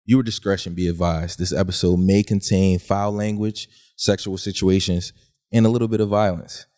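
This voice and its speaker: A young man with a fairly low voice hosts a podcast with friends. He jokes freely and swears through casual, loose banter. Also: fairly even intonation, normal speed, warm tone. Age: 20s. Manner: profane, joking banter. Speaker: podcast host. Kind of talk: casual chat.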